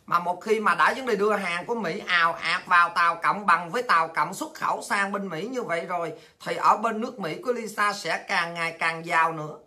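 A woman hosting a heated political monologue, coarse and insulting, with shouted taunts. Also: on the low side, brisk, hardly any pauses. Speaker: political commentary host.

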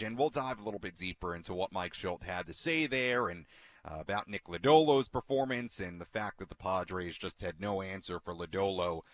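A man's voice: low-pitched, fairly bright tone, no echo. A man in his thirties hosting a postgame radio show from a ballpark booth, talking earnestly and emphatically on a headset mic, with many fillers and repeated words. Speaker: radio sports host. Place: broadcast booth inside a ballpark.

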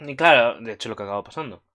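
Recapping an anime episode for his channel, this man speaks briskly at a medium pitch. His commentary is loose and meandering, excited in tone, and heavy on filler.

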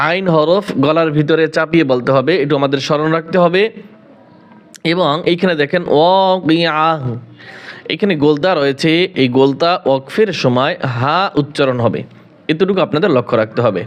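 A man teaching Quran reading, alternating quick explanations with slow, drawn-out chanted recitation. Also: on the high side.

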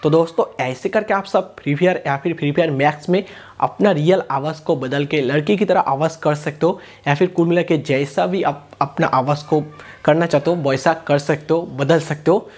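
Speaking at a moderate pace, a young Indian man in his 20s delivers a scripted, repetitive step-by-step tech tutorial to camera for his YouTube tech and gaming channel. His pitch is fairly high and his tone darkish. A lapel mic captures him in a small room indoors.

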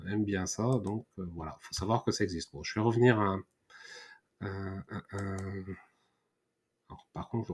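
Hesitant low-voiced man explaining. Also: darkish tone. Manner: hesitant, many fillers and restarts, thinking aloud. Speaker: tutorial host. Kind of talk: screen-recorded software tutorial. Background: mouse clicks and typing.

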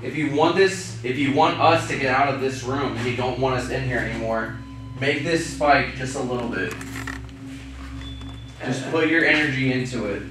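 A young adult man calls on spirits in plain, casual speech. His medium-pitched voice is a bit off-mic in a very echoey room, over background music. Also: normal speed, far from the mic. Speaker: ghost-hunting vlogger. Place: small bare indoor hotel room.

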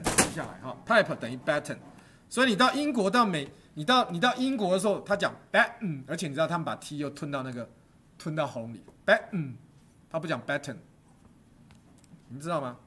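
A man's voice: a little high, bright, forceful tone, a little hiss or hum. A middle-aged man teaching a stagecraft class, quizzing his students, cracking jokes and dropping English terms into the lecture.

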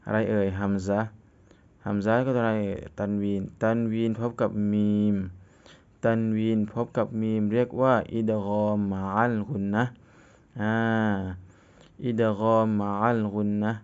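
A man with a low, smooth, resonant voice leads a recitation lesson. He speaks in a level, even tone, reciting each phrase and then breaking it down patiently. The audio is slightly dull and lo-fi. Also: normal speed. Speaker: Quran reading teacher.

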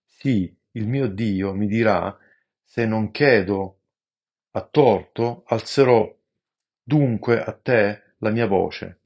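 A man reading scripture aloud in a slow, measured, reverent way, with the odd stumble over a word. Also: fairly low pitch, darkish tone, highs cut off. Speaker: amateur scripture reader.

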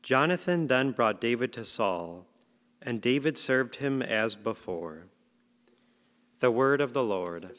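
A male lector reads scripture and leads a psalm at an unhurried, solemn pace. His voice has a middling pitch for a man. A cathedral echo follows each phrase, a long reverb rolling through the large church. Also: lively intonation, fairly bright tone. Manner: measured, solemn reading. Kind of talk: liturgical reading and psalm.

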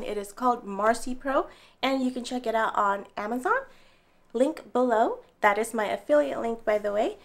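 A young woman doing a casual, upbeat product review in her living room, chatting straight to the viewers. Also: fairly high pitch. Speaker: home fitness vlogger. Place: bright living room at home.

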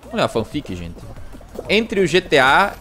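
A man's voice: on the high side, wildly swooping pitch, moderate pace, bright, forceful tone, faint music behind. A man with a Brazilian accent chatting casually on a gaming livestream, rambling and joking at himself. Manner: rambling, jokey, self-mocking.

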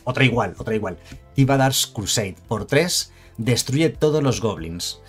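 A man's voice: medium pitch, lively intonation, unhurried, husky, faint music behind. A man giving casual live commentary on a card game, rambling and chatty, with asides and self-corrections.

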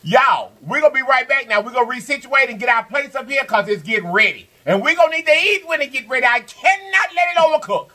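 Between bites, with plenty of mm sounds, a mukbang vlogger talks casually to her viewers. Her high-pitched, sharp voice is expressive and fast, with hardly any pauses.

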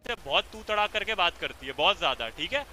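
A man's voice: high voice, animated, fast talker, over loud music. A man in character in a role-play, insistently demanding that people listen to him. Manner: insistent, keeps demanding to be heard. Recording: loud overlapping crowd of voices.

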